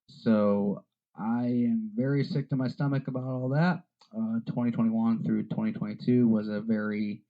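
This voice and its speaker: A man hosting a podcast in casual solo talk, earnest and halting, with frequent fillers and self-corrections. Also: medium pitch, warm tone, muffled recording. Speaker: podcast host.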